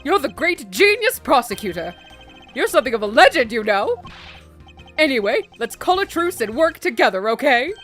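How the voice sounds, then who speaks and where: Hot-headed young jock prosecutor for a video game, played by a woman: whiny, high and emphatic. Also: sing-song, normal speed, a bit bright, faint music behind. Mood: brash. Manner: brash, accusatory, emphatic.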